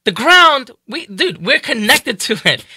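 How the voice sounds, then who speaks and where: Bright-toned man, rambling radio guest. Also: extremely high pitch, very animated, unhurried, breathy edge, no echo, clean studio sound. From Puerto Rico and Texas. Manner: rambling, full of restarts and fillers. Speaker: guest film producer. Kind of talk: radio interview.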